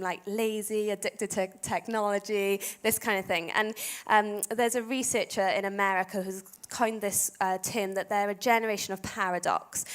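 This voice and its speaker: A woman's voice: medium pitch, clean tone. A young woman, speaking informally and chattily as a guest, with "like" scattered through her talk. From Swansea, Wales. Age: young adult. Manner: chatty, frequent use of "like". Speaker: church student worker and guest speaker. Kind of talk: informal interview talk to an audience.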